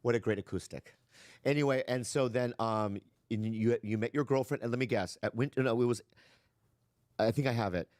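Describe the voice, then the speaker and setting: Excitable swearing man hosting a podcast. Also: medium pitch, normal speed, no room sound, clean studio sound. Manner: excitable, swears a lot, calls people dude. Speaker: podcast host. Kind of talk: casual podcast interview.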